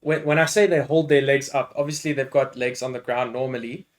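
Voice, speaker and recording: Relaxed man explaining from his notes. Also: medium pitch, a little fast. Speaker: podcast co-host. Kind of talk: casual chat.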